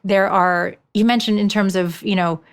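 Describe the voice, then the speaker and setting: Her tone is steady and mid-range, her pace moderate. She's a Japanese-speaking woman in her forties, interviewed conversationally as an author and education consultant, telling lively stories and frequently starting over mid-thought.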